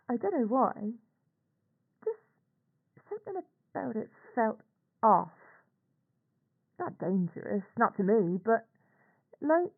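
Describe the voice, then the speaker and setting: A tinny, band-limited radio-style filter colors this confessional monologue for a horror audio log. The actress voices an uneasy, anxious, ashamed working-class aunt from Northern England, a middle-aged nurse, in an exaggerated, creaky, slightly high voice. She recounts events haltingly and colloquially.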